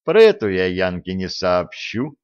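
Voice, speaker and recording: A man reading an audiobook voices a quick-witted young man, a royal gossip, with a wry, bargaining manner, on a dull lo-fi recording. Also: deep voice, very animated, darkish tone, clear, resonant tone. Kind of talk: audiobook character voicing.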